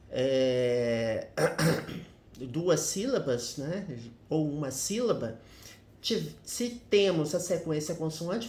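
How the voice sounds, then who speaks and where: A male English teacher walks through grammar in a slow, unhurried way. He explains methodically and keeps checking in with short tag questions. His voice carries a roomy echo. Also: on the high side, a little mellow.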